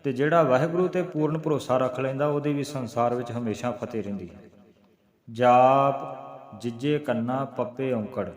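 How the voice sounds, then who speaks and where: A man teaching the correct recitation of scripture, spelling out each letter slowly and chanting the verses. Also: medium pitch, reverberant. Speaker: Gurbani teacher. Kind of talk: slow recitation lesson with explanation.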